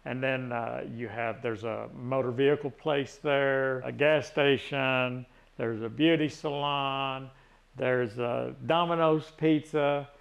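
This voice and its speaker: With vocal fry in a mid-range voice, a sixty-something retiree vlogger from Tennessee talks casually in a Southern accent. He rambles, keeps restarting, and leans on fillers.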